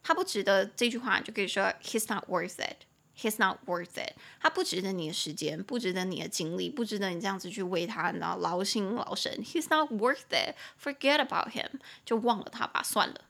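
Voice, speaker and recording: Bright-voiced woman teaching English. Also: mid-range voice, creaky. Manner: chatty, explains words slowly and repeats them. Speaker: podcast host, English teacher. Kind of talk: casual podcast English lesson.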